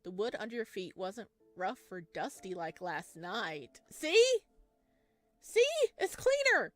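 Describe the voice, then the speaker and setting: A woman with a mid-range, very animated voice plays a visual novel, slowly reading the narration aloud and tossing in giggly, informal asides. Game music plays behind her, and there's no echo.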